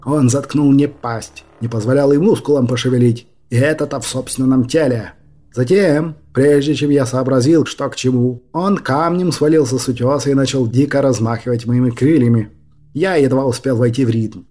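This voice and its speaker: A man's voice: mid-range voice, normal speed, warm tone, close to an everyday voice. A large, touchy young dragon from an audiobook, airing grievances in a blustering, aggrieved way, played by a man. The voice stays close to a plain male mid register. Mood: indignant. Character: big grumpy young male dragon, indignant complainer. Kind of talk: audiobook character voice.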